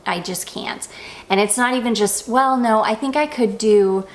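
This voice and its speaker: A woman's voice: on the high side, moderate pace. A young woman chatting casually about perfumes she loves, gushing and drifting off on tangents. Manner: gushing, goes off on tangents, self-deprecating. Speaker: perfume reviewer. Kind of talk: casual review chat.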